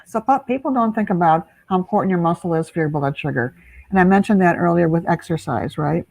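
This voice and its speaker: A woman's voice: lowish voice, fast talker, vocal fry, a little mellow, no echo, rough recording. A woman guest on a live video call who talks about health in a chatty way, with frequent restarts. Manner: chatty, restarts, laughs easily. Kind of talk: casual live video chat.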